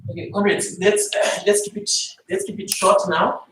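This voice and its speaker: A man moderating a panel session, lively and jovial, hurrying to close. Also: high voice, normal speed, slight background noise. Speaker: event moderator. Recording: echoey hall, far from mic.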